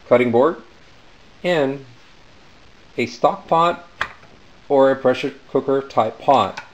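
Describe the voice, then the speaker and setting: A man hosting a casual home cooking demonstration, talking in unhurried short phrases with pauses. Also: medium pitch, low-quality recording. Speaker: home cooking show host. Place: home kitchen. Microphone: handheld camera mic, off screen. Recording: clear background noise, sizzling pan.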